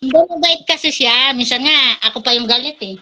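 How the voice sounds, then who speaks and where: A woman's voice: sits high, a little fast, sharp tone. A woman telling funny stories in casual chat and laughing often. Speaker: guest.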